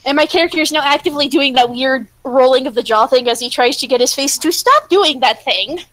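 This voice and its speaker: Giggly high-voiced woman, dry sound. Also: brisk, fairly bright tone, no echo. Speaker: player. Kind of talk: tabletop game chat.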